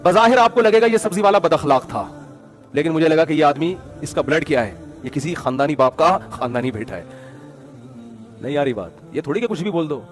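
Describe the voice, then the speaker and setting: A man giving a conversational sermon full of stories, lively, calling his listeners brother. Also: a little high. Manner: lively, addresses listeners as brother, acts out quotes. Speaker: religious speaker.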